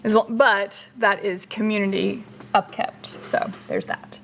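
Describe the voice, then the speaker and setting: A woman's voice: medium pitch, fairly even intonation, measured pace, vocal fry, a bit bright, a little hiss or hum. A woman hosting a casual livestream chat, reading out and answering viewer comments. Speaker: streamer hosting a hobby chat.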